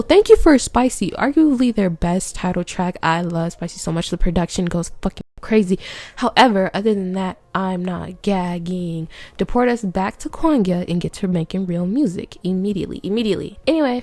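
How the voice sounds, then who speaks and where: A woman's voice: medium pitch, darkish tone, no echo. Sassy, blunt young woman ranting. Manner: sassy, blunt, swears freely. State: out of breath. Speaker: kpop vlogger. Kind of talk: casual opinionated rant.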